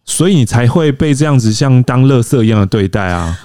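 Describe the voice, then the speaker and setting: Male podcast host, expressive swinging intonation, dry close mic. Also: medium pitch, fairly quick, clear, resonant tone, no room sound. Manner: chatty, reacts often with short replies. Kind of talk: casual chat.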